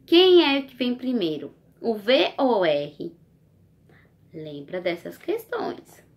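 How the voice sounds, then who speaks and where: A woman teacher, talking young children through a lesson in a slow, coaxing, sing-song way and checking in with them often. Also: a little high, very animated. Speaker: primary school teacher.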